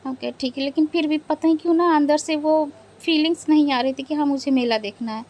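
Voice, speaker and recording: A young woman vlogger, quietly and sadly recounting a family loss with hesitant pauses. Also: high voice. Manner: sad, subdued, hesitant retelling of a family loss. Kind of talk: personal vlog storytelling.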